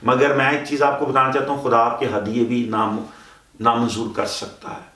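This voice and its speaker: A man's voice: medium pitch, level tone, moderate pace, a bit bright. A man preaching as a pastor, reading scripture and repeating words with emphasis, mixing English phrases into his sermon. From Pakistan. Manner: preaching in Urdu-Hindi mixed with English phrases. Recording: echoey room, voice heard from a distance.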